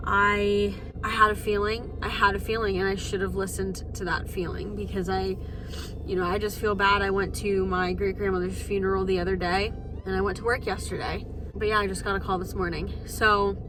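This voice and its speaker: A young adult woman talking casually to her vlog, sounding congested and slightly wheezy, haltingly repeating phrases as she gathers her thoughts. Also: medium pitch, flat delivery, noisy background. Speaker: vlogger. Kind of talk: personal vlog, casual confessional chat.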